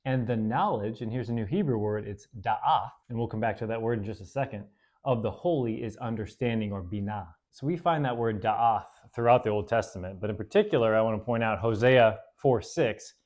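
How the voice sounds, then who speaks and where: The host of this relaxed Bible study has a voice on the low side. His talk is loose and conversational, full of fillers and self-corrections, but he slows down to read verses deliberately.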